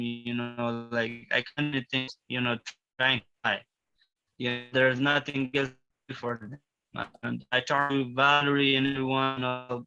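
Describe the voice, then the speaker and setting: Young guy from afghanistan, flat gravelly but super bright voice, dull lo-fi call audio. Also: mid-range voice. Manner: earnest, halting, searching for words. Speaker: student speaker at a community briefing. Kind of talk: personal testimony on a video call. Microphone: video call.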